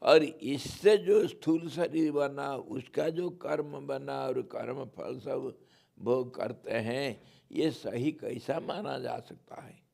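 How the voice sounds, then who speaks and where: A man giving a spiritual discourse as a swami, explaining in a deliberate, playfully teasing way. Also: mid-range voice, vocal fry, a little mellow. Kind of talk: devotional sermon with storytelling.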